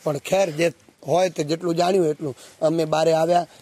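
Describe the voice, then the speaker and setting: A man giving a storytelling motivational talk at a student camp, animated and preachy, questioning his audience. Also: fairly high pitch, fairly quick. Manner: animated, acts out dialogue and asks the audience questions; preachy, rousing. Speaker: speaker at a student values camp.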